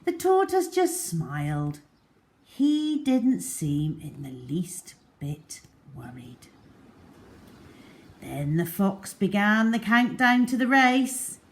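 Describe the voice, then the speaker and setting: Reading to young children, a woman tells the story with theatrical, deliberate care at a very slow pace. Her pitch swoops lively up and down, and her phrases often settle into a hush.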